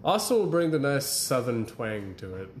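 A man's voice: mid-range voice, big pitch swings, normal speed. A young man chatting casually as a podcast co-host, rambling through stories and laughing often. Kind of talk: casual chat. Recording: echoey room with faint ambient noise.

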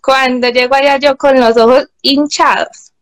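Lively woman telling a story. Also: high voice, moderate pace, no room sound. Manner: animated, acts out voices of others in anecdotes. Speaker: guest. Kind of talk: casual storytelling. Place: home.

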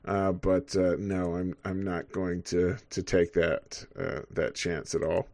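Low-voiced, profane male co-host. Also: flat delivery, slow pace, darkish tone, no echo. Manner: profane, rambling, frequent fillers. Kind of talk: casual chat while watching a fight stream.

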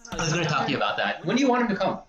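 A man's voice: fairly high pitch, big pitch swings, echoey room, muffled recording, crowd noise. A young man in his twenties, a guest on a casual podcast, talking bluntly and swearing freely. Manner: blunt, quick, swears often.

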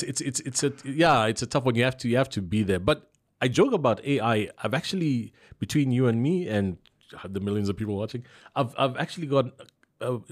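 A man from Zambia, a voice-over artist, telling stories casually in an interview and laughing often. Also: on the low side. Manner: relaxed storytelling, laughs often, many restarts.

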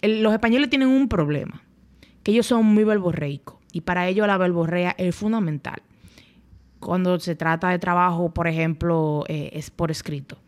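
A woman's voice: lowish voice, normal speed. Blunt Dominican woman, candid chat. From Dominican Republic. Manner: blunt, colloquial, animated. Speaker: podcast guest. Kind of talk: candid conversational storytelling.

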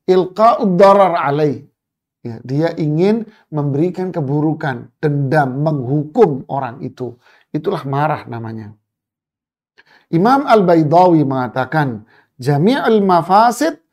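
A man's voice: fairly high pitch, darkish tone. Man preaching with rhetorical questions. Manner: asks rhetorical questions and answers them; recites Arabic phrases and translates them. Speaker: Islamic preacher. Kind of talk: religious lecture on a classical text.

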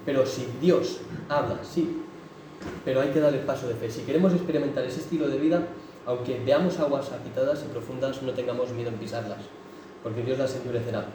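A man's voice: medium pitch, background noise. A man preaching a sermon with impassioned, emphatic delivery. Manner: impassioned, rising to emphatic bursts. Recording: echoey hall, mic from a distance.

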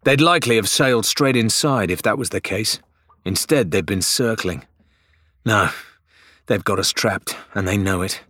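A man's voice: lowish voice, moderate pace, bright, forceful tone, no room sound, studio quality. A man voicing a grim, blunt female pirate captain who speaks curtly. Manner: curt and grim.

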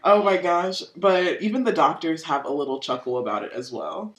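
Animated woman host in an echoey room. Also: deep voice, fairly quick. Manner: animated, laughing storyteller. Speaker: podcast host. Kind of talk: casual reaction chat.

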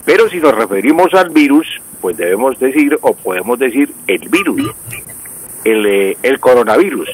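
A man's voice: medium pitch, expressive, normal speed, husky, rough recording. A Colombian man, a language expert on a radio news show, explains usage patiently, repeating words and using many fillers. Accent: Colombian Spanish. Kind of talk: call-in language advice.

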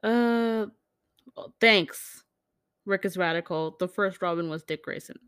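A woman's voice: fairly low pitch, fairly even intonation, moderate pace, pushed and bright, smooth, dry recording, clean studio sound. A woman hosting a podcast, reading fan comments in a loose, casual chat, swearing freely and laughing often. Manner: acts out quoted characters in jumped-up voices. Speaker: podcast host.

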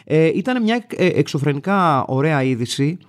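A man in his thirties from Greece, hosting a show and telling an everyday story in a wry, animated way, acting out the other people's lines. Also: on the high side. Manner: wry, animated, acts out dialogue in a raised voice. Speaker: radio show host. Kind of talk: casual storytelling monologue.

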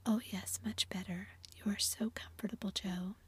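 A woman voicing a gentle, frail teenage girl in a soft, tremulous whispered role-play. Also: mid-range voice, fairly even intonation, moderate pace, husky. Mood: soothed.

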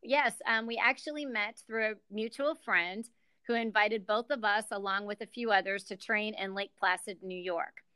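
A woman's voice: mid-range voice, moderate pace, sharp tone, clear, resonant tone, dry recording. A middle-aged American woman, a guest on a podcast, explaining things carefully in an upbeat way. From United States. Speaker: guest, executive director. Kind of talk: podcast interview.

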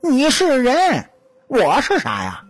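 A woman's voice: high voice, wildly swooping pitch, slow pace, husky, exaggerated voice. A woman voicing a cocky, teasing male weasel spirit in a storytelling audiobook. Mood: smug teasing. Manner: teasing, smug, chuckling.

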